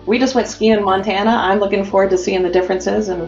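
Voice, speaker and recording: A US woman representing a printing company talks fast in a remote business interview, her medium-pitched voice a little mellow and her intonation fairly even. She's upbeat and salesy, with many fillers. The sound is dull and roomy, with faint background music.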